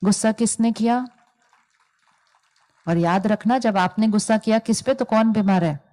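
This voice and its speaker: A woman giving a calm spiritual talk to an audience, explaining ideas and telling stories with quoted dialogue. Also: medium pitch, moderate pace. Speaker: spiritual teacher.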